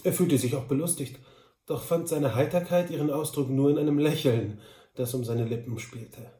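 A man reading a novel aloud in a calm, measured amateur audiobook narration. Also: mid-range voice, echoey room. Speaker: reader.

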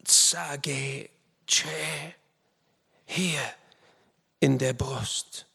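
A man voicing a dignified Apache chief who speaks in a quiet, solemn, measured way. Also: on the low side, animated. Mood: weak quiet. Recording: long hall reverb.

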